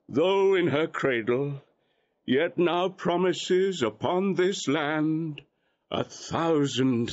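An actor plays an archbishop in a Shakespearean audio drama, speaking slowly and solemnly in a mid-range male voice with the highs cut off. His delivery is declamatory, reverent, and oratorical as the exalted archbishop prophesies blessings.

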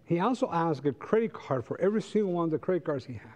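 A fast-talking, animated middle-aged man from Costa Rica, whose voice is on the high side and a little mellow, teaches a Sabbath school church lesson. Spanish is his first language and he has a Costa Rican accent; he speaks conversationally with rhetorical questions, standing before the pews in a large sanctuary.

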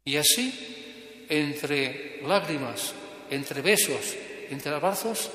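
A Spanish priest giving a sermon, telling a story and acting out its dialogue with feeling. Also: male voice, fairly high pitch, expressive, very slow, bright, forceful tone, echoey room, in a large hall.

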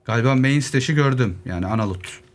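Lively young man narrating gameplay. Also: medium pitch, fast. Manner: lively, joking asides to zombies, muttering while looting. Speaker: gaming YouTuber. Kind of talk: casual solo gameplay commentary. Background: keyboard clicks, faint noise.

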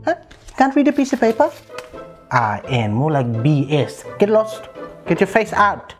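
Woman acting as a gruff, scolding grandfather. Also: low-pitched, huge pitch swings, unhurried, soft background music, exaggerated voice. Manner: gruff, scolding, barking short orders. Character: pushy older male grandfather, blustering.

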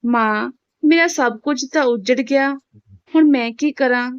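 A woman's voice: high-pitched, a little slow, clean tone, no room sound. Storybook young widow, plaintive and despairing; woman voicing, dry muffled sound. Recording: dull, dry home recording.

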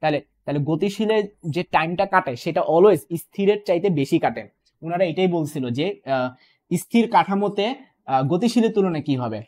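Young man, physics tutor, exam-prep lesson, rapid delivery, keeps checking in with students. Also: sits high, lively intonation, darkish tone. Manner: fast, repetitive, checks in with "okay?" and "clear?". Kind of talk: online exam-prep class.

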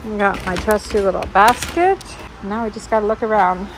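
A thrift store reseller hosts a casual shop-along vlog, chatting away and thinking aloud as she browses a large indoor warehouse-style thrift store. Her voice is medium in pitch and moderately paced. She films the shelves on a handheld phone, and the audio is very noisy.

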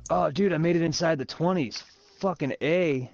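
A man's voice: on the high side, moderate pace, vocal fry, a little mellow, dull audio. A young man in casual gaming chat over a headset, laid-back, making crude jokes and swearing a lot. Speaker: gamer in party chat.

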